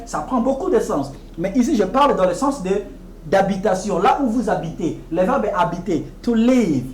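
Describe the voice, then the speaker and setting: A woman giving a televised English lesson, explaining patiently and repeating each English phrase slowly and deliberately. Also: medium pitch, animated, darkish tone, roomy sound, slight background noise, low-quality recording. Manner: explains patiently, often checking with "ok?". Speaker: English teacher.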